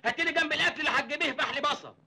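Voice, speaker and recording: Young country bumpkin, egyptian accent, very high bright voice, fast cheeky jokes. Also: male voice, creaky, full character voice. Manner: cheeky, whiny, quick jokes. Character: cheeky country lad, hapless, always hungry. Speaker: film character. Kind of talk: 1980s film comedy acting.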